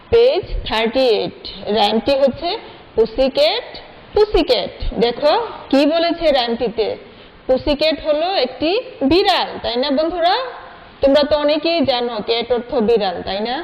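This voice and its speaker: A woman nursery teacher giving a lesson on a rhyme, talking slowly and patiently and drawing out the English words. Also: sits high, a little mellow, long reverb tail, low-quality recording. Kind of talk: classroom lesson explaining a rhyme.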